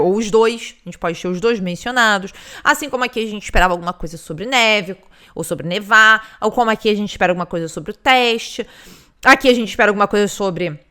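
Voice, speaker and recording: A woman's voice: mid-range voice, pushed and bright. A woman with a Brazilian Portuguese accent explains test questions in a recorded lesson, checking in often with "né" and "tá". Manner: explanatory, repeats points, many "né" and "tá". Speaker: English test teacher.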